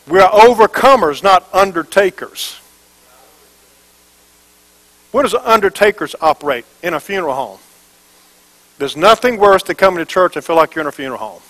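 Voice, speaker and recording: Pastor, male, high-pitched, preaching call-and-response style, repetitive and emphatic, questions the congregation. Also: expressive, brisk, fairly bright tone, rough recording. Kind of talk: sermon. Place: church before a congregation.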